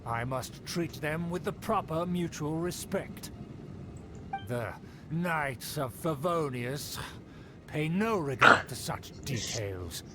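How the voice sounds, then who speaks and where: In a video game, an actor voices a haughty, scheming middle-aged aristocrat, sounding pompous and indignant. His male voice is on the high side and expressive, he takes his lines slowly, and there is background noise.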